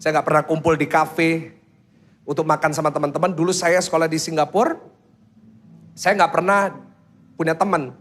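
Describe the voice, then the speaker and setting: Guy preaching to his church, a bit high-pitched, tells stories and keeps asking the crowd "right?". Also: flat delivery, fairly bright tone, soft background music. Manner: quizzes the congregation with quick questions; storytelling that acts out children's voices. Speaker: pastor. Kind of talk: sermon.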